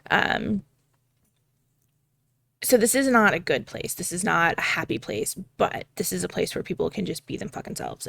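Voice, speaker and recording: A young woman talks through her game prep out loud, rambling and swearing casually as she thinks. Her voice has a gravelly, fry-tinged edge, and the sound is dry and close. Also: fairly low pitch, dry recording. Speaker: game master prepping a campaign. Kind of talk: casual thinking-aloud vlog.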